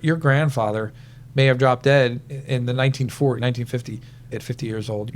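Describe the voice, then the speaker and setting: Man, retirement planner, methodical explainer, mid-pitched voice, plain talk. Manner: steady, methodical explaining with worked number examples.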